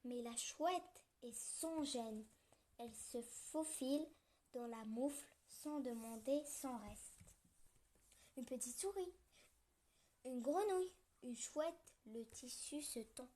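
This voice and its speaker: Slow, high-voiced woman reading a story. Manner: gentle, with playful sound effects.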